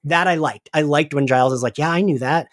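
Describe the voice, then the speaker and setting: In a relaxed podcast chat recapping an audio drama, this co-host talks fast and emphatically, swearing now and then and restarting sentences. His voice is a little high, and the studio-quality audio has no room sound.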